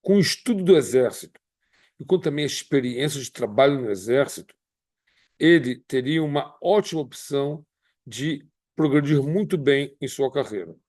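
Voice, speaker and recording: Fifties rabbi, Carioca accent, measured and earnest testimony, dry close sound. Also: male voice, mid-range voice, lively intonation, a little mellow, no room sound. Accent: Carioca Brazilian Portuguese. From Brazil. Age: 50s. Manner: measured, earnest, pauses often between phrases. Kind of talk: personal testimony.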